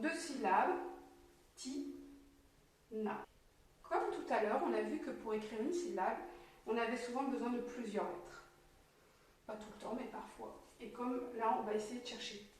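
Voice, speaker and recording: A French woman teaches young children, speaking slowly and carefully as she sounds out syllables one by one. Her voice sits a little high and rings in a very echoey room, heard from some distance off the mic, with a faint hiss underneath. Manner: slow, clear, syllable-by-syllable teaching.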